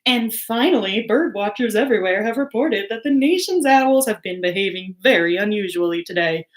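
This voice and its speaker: A woman's voice: on the high side, pitched above the performer's own voice, lightly acted, poor audio. A woman voicing a male TV newscaster in a storybook, announcerly and lightly amused. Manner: announcerly, presentational.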